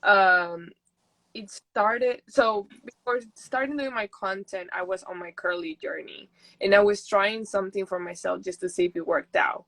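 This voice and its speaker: A woman's voice: medium pitch, normal speed, a bit bright, no room sound, rough recording. A young woman from Peru, a native Spanish speaker, chatting casually and laughing often as an interview guest. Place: houseboat.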